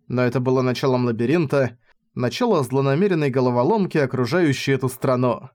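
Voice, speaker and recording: Male narrator for a novel audiobook, mid-range voice, steady and even. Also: medium pitch.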